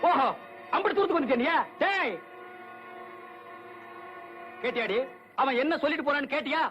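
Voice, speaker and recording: A man's voice: very high-pitched, expressive, fast talker, fairly bright tone, muffled recording, soft background music. An actor playing a threatening older village man who sneers and hurls accusations at his family. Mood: menacing. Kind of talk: 1980s film drama acting.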